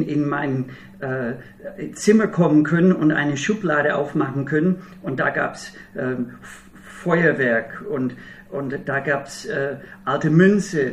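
A middle-aged Minnesotan man preaches a sermon in German, his American accent audible as he tells stories earnestly and with dry humor. His voice is slightly high. The recording sounds like a spacious hall picked up from afar, with a bit of background noise.

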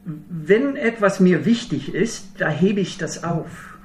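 A high, animated voice belongs to a middle-aged man from Minnesota who preaches slowly in German with an American accent. Recorded from afar in a roomy hall with a little hiss or hum, he tells earnest stories laced with wry humor.

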